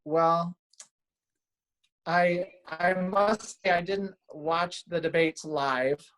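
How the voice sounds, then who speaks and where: A man's voice: sits high, fairly even intonation, drawn-out words, a bit bright, low-quality recording. A man who works as a pastor, chatting in an interview, enthusiastic and rambling, laughing often. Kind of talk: casual interview chat.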